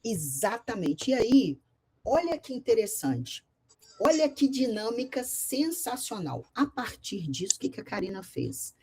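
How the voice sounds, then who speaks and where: Lively Brazilian woman teaching a class. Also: fairly high pitch, measured pace, husky. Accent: Brazilian Portuguese. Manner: lively, addresses students directly with "gente" and "né". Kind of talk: classroom lesson with storytelling.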